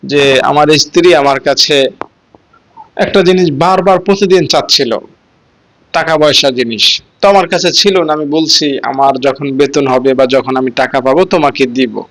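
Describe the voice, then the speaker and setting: Earnest Bengali-speaking man preaching, higher voice. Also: a bit bright, poor audio. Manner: earnest, pleading, drawn-out emphasis. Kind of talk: sermon.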